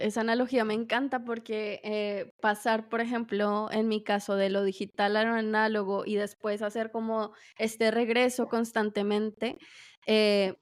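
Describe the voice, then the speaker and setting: A woman's voice: on the high side, dry recording, clean studio sound. Woman hosting an interview. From Colombia. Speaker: interviewer and host. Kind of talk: casual interview.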